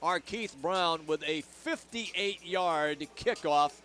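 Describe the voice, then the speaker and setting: A man calling arena football play-by-play on radio, brisk and descriptive. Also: on the high side, sharp tone, soft background music. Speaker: play-by-play announcer. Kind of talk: radio sports commentary.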